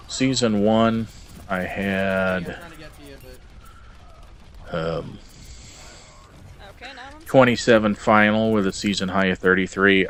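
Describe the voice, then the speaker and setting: Man, very low voice, casual gaming vlog, hesitant, lots of fillers, rambling. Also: a bit bright. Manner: rambling, hesitant, many ums and uhs. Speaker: gamer vlogger. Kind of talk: casual video log about his game stats.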